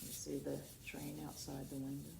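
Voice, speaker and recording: A woman hosting storytime reads a children's picture book aloud, dramatic and expressive, breaking off for asides and questions to the young listeners. Her voice is low-pitched and creaky. The recording has a roomy echo and noticeable background noise.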